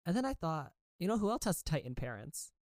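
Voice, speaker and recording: A woman's voice: on the low side, big pitch swings, a little fast, darkish tone, no echo, clean studio sound. A woman co-hosting a podcast in casual chat, speaking in a playful, joking manner. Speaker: podcast co-host.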